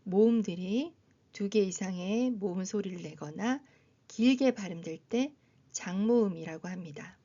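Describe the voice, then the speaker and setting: A woman teaching English phonics to adult learners, patiently explaining in Korean and modeling each English word slowly. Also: mid-range voice, mellow. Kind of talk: slow, careful phonics lesson. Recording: dull, slightly lo-fi sound.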